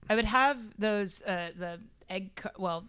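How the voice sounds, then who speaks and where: A woman's voice: medium pitch, a little slow, sharp tone, smooth, no room sound, clean studio sound. A woman guest on a podcast, chatting casually and self-deprecatingly with many fillers. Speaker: podcast guest, robotics club founder.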